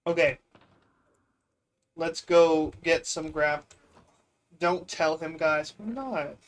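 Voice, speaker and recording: A man's voice: a little high, steady tone, takes it slowly. Rambling, sarcastic young gaming streamer guy. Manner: incredulous, rambling, sarcastic banter with chat. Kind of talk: casual gaming commentary.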